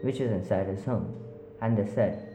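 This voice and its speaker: A man narrating a spooky story in a measured, unhurried way with small slips. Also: lowish voice, over music. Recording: roomy echo.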